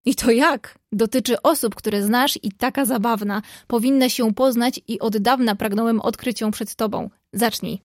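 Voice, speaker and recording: A woman's voice: fairly high pitch, steady tone, moderate pace, hardly any pauses, no room sound, lightly acted. A woman voicing a playful, teasing young man in a read-aloud story, speaking lightly to a close friend.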